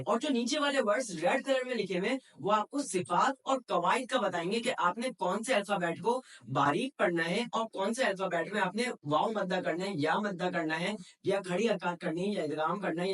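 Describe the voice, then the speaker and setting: A man's voice: sits high, a bit bright, far from the mic. A man teaching a tajweed lesson step by step, asking rhetorical questions and answering them himself. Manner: draws out syllables slowly in recitation demos.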